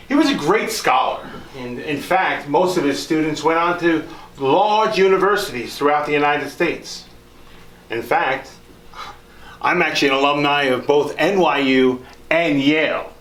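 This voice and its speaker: A man's voice: a little high, fairly bright tone, a little hiss or hum. A man playing a genteel nineteenth-century country doctor, telling his life story in a theatrical, folksy monologue to a live group. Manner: theatrical, folksy, addressing listeners directly. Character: genteel 19th-century country doctor, proud, reminiscing, later grieving. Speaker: costumed tour performer. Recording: echoey room, live performance.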